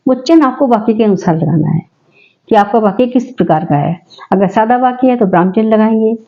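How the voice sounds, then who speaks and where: A woman's voice: on the high side, lively intonation, fairly quick, lo-fi sound. A woman teaching a grammar lesson, explaining step by step and answering her own questions.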